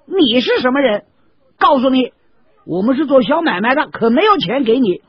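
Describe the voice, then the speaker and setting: A man's voice: very high-pitched, sing-song, normal speed, husky, dry recording, pitched above the performer's own voice, full character voice. A man voicing a group of sly, friendly male date traders who coax and wheedle, on a dull, dry lo-fi recording. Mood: guarded. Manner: coaxing, wheedling.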